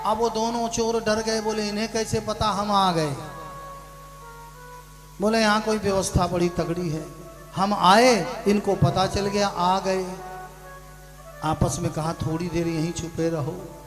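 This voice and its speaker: Man, preacher, high voice, parable storytelling, music behind. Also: steady tone, measured pace, long pauses. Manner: shifts between hushed storytelling and loud shouted punchlines. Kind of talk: sermon storytelling with acted dialogue.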